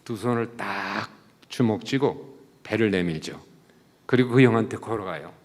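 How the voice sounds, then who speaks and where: Speaking at normal speed in a fairly low voice, a male professor gives a sermon-style talk at a church service, and the big room echoes around him. He poses rhetorical questions to his listeners and acts out short quoted lines from a mother and child.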